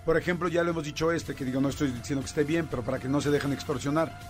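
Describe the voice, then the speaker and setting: A man with a Mexican accent hosting a radio show, telling a story in a lively way with lots of fillers. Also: fairly high pitch, very fast, over music. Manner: animated storytelling with many fillers. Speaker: radio host. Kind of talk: casual radio chat.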